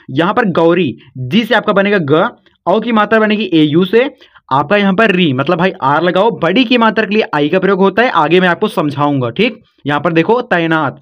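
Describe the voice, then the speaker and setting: A man teaching beginners to spell words step by step, slowly and patiently, addressing his students as kids and brother. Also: high voice. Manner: slow, step-by-step explaining, calls listeners kids and brother. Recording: dull lo-fi sound.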